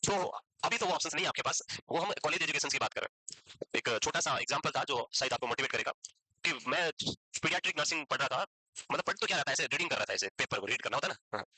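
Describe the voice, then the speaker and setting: A man's voice: on the high side, expressive, fast talker, bright, forceful tone, slightly rough, dry recording, low-quality recording. A young man tutoring nursing exam students in a chatty, reassuring lecture, telling stories and mimicking anxious students. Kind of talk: casual Hindi lecture.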